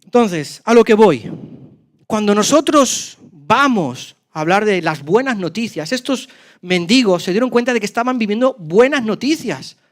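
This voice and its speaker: A male pastor tells a scripture story in church. His voice sits high and swings from loud, lively exclamations to sudden hushes. The delivery is dramatic and animated throughout. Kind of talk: sermon storytelling.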